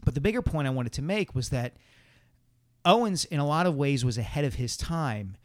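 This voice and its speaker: Brisk man explaining his points. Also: a little high, expressive. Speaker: sports columnist guest. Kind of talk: casual chat.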